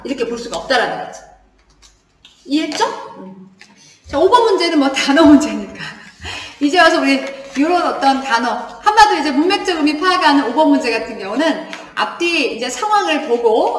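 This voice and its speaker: A woman's voice: sits high, fairly bright tone. A woman teaching a literature class in a chatty lecturing manner, laughing often and checking that her students follow. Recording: echoey hall, distant mic.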